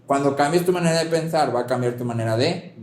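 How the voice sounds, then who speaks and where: A man's voice: fairly high pitch, quick pace, crowd noise. A man preaching a sermon as a pastor, conversational and full of rhetorical questions and check-ins with the congregation. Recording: roomy hall with faint ambience.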